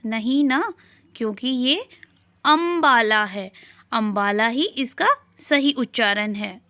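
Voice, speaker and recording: A woman with a high, fairly bright voice teaches young children to read in a clean studio recording with no room sound. She sounds out syllables slowly and deliberately, one at a time, asking questions and answering them herself.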